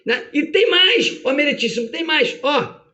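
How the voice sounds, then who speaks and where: Preacher doing a high taunting Satan, shouty, lo-fi sound. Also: male voice, expressive, moderate pace, heavily acted. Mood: gloating. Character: mocking male Satan, frantic accuser.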